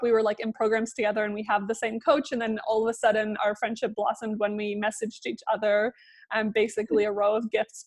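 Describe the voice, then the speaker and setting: A woman hosting a podcast, bubbly and giggly, chatting casually with many fillers. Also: on the high side. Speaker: podcast host.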